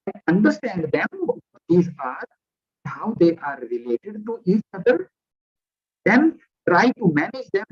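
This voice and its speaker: A man's voice: high voice, husky. A man giving a visiting lecture online through a headset, explaining at a careful pace with restarts. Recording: muffled lo-fi video call audio.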